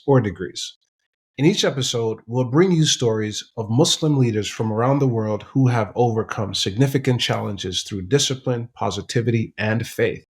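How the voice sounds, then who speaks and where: A man hosting a podcast interview, introducing the show and asking questions in a measured way. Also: fairly low pitch. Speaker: podcast host.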